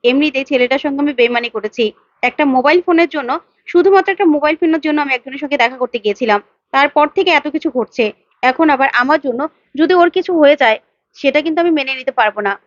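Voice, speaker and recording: A woman's voice: high-pitched, fast talker, no room sound, muffled recording, lightly acted. A woman voicing a frightened young woman who defends herself angrily and tearfully. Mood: desperate. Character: angry frightened young woman hiding a secret.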